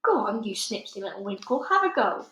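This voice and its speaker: A woman voicing a very old, good-hearted male giant from a children's storybook, excitable and easily wounded, talking in muddled grammar and made-up words. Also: mid-range voice, fairly quick, a little hiss or hum. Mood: disgusted, goading. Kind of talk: children's storybook read aloud. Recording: echoey room.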